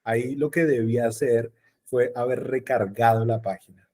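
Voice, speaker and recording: Male teacher, casual and chatty, mid-pitched voice, often checks in with questions. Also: fairly even intonation, normal speed, dark tone. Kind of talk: online class explaining circuits.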